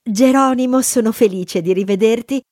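A woman voicing a kind, gentle young female mouse with a sweet manner in an audiobook story. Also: on the high side, moderate pace, dry recording, clean studio sound, natural voice. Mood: delighted. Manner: warm and sweet. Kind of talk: audiobook character reading.

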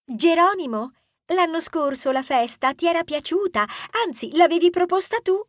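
A man voicing a gentle female mouse colleague in a children's audiobook, murmuring in a soft, reproachful way. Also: expressive, moderate pace, dry recording, studio quality. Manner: soft, murmuring, high put-on voice.

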